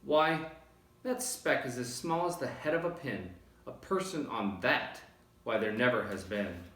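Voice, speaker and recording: A man's voice: mid-range voice, expressive, measured pace, a bit bright. A man voicing a sour, scornful female storybook kangaroo in a dismissive manner. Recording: roomy, distant microphone.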